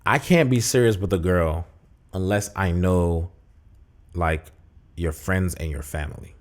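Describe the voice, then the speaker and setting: A young man co-hosting a podcast in relaxed, casual chat. His voice sits on the low side, and he talks in a halting way, often starting his sentences over. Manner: laid-back, halting, many restarts. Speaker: podcast co-host.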